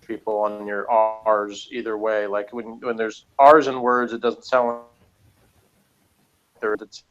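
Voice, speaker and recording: With a dull, lo-fi recording, a man in casual conversation reads review notes for a TV episode and reacts with skeptical, rambling asides as co-host. He speaks slowly in a low, flat but fairly bright voice.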